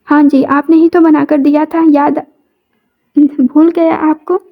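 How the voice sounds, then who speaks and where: A woman voicing a cheeky, sharp-tongued young female student in a novel reading. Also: sits high, level tone, muffled recording. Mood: teasing. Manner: teasing, quick retorts.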